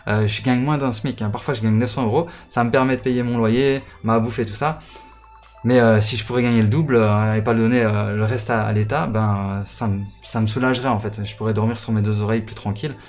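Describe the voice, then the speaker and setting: Hesitant YouTuber, casual. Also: male voice, fairly low pitch, steady tone, a little fast, a little mellow, soft background music. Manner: hesitant, many fillers, repeats words. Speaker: gaming YouTuber. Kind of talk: casual Q&A talk to viewers.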